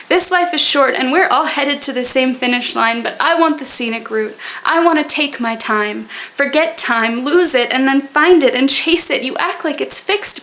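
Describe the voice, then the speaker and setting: A woman performing spoken word poetry in an earnest manner, with deliberate, poetic phrasing. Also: sits high, fairly bright tone, low-quality recording.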